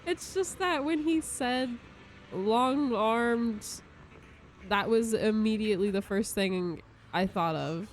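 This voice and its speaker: A woman's voice: a little high, slow pace, a little hiss or hum. A young woman, chatting casually and giggling with viewers on a live stream.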